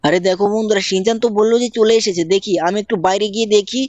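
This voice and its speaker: A woman's voice: mid-range voice, fairly even intonation, very fast, a little mellow, dry recording. A woman narrating a mobile game video in a casual, chatty way, talking straight to her viewers. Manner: chatty, addresses viewers directly. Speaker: gameplay narrator. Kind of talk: casual game commentary with character voices.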